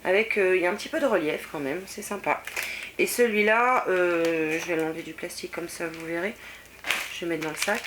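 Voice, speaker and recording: Middle-aged woman, French accent, low-ish voice, hesitant chatty haul vlog, noisy home recording. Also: fairly quick. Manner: chatty, many hesitations and fillers. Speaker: vlogger. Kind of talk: casual haul video chat.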